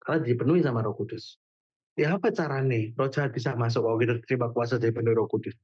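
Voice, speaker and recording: A young man, leading a casual Bible study for a youth group, chatty and animated, with slangy asides as he tells stories. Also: medium pitch, fast, slightly rough. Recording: dull lo-fi recording.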